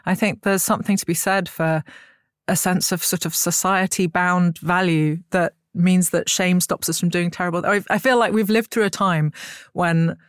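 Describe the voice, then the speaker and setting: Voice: mid-range voice, steady tone, moderate pace, clean tone, dry recording. Articulate expert speaker in a dry recording. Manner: articulate, discursive storytelling with asides. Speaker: expert guest on Greek myth. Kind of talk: conversational explanation, discussion.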